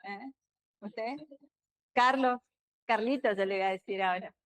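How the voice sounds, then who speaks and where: A middle-aged woman with an Argentine accent giving a law lecture in a classroom, talking loudly and asking students questions. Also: medium pitch, a little slow. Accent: Argentine Spanish. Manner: lively, talks loud, asks students questions. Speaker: law teacher.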